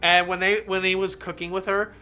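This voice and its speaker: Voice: medium pitch, fairly quick, faint music behind. A streamer giving casual, chatty game commentary, rambling and interrupting themselves, with some swearing. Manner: animated, profane, rambling and self-interrupting. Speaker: gaming streamer reading a visual novel aloud.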